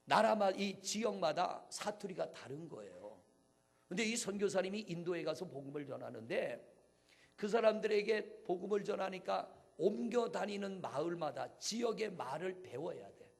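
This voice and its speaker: Gravelly-voiced pastor with dramatic swings. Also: male voice, high-pitched, lively intonation, moderate pace. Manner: swings between hushed near-whispers and loud, emphatic exclamations. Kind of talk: sermon. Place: church.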